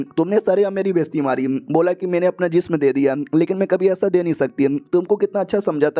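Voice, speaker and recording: A man's voice: high voice, warm tone, dry recording, lightly acted. A man putting on a furious young woman. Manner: scolding, furious. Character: angry young woman breaking up with her lover.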